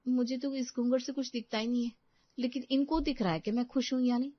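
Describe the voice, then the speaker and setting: A woman's voice: a little high, fairly even intonation, fast talker, dry recording, voice pushed up, close to an everyday voice. A woman voicing a put-upon young daughter-in-law who grumbles in an exasperated way. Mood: grumbling. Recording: slightly dull, dry close recording.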